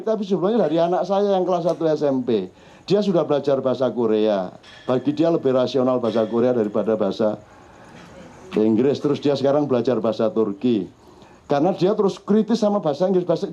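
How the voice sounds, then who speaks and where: A man's voice: fairly high pitch, warm tone. A middle-aged man with a Javanese accent, telling funny stories to a live audience in a teasing, chatty way. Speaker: speaker at a public discussion forum. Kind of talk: humorous storytelling to a live audience. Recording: muffled lo-fi live recording.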